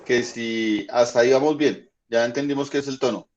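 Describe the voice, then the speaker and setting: A man teaching a high school physics class online, patiently explaining and checking in with the students often. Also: fairly even intonation, moderate pace, darkish tone, muffled recording.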